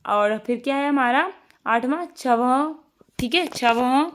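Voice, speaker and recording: Woman, teacher, online exam-prep lesson, somewhat high voice, asks and answers her own questions. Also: takes it slowly. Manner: drills by asking and answering herself, repeating each item.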